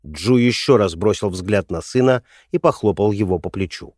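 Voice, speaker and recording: A man reading an audiobook in a measured, even narration. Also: lowish voice, no room sound, studio quality. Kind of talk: scripted narration.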